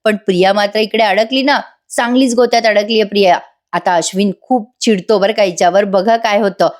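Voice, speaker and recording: A woman's voice: mid-range voice, fairly even intonation, a little fast. A woman narrating a voice-over recap of a TV serial, chatty and speaking straight to her viewers. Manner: chatty, addresses viewers directly.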